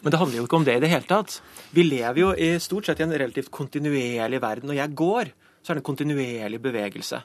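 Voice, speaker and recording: Playful man explaining with examples. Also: medium pitch. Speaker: studio guest, science communicator. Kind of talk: studio news interview.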